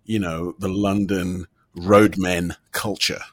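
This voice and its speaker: Brief: Canadian man, dry and reserved, lowish husky voice, podcast co-host. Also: flat delivery, slow. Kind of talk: casual podcast chat.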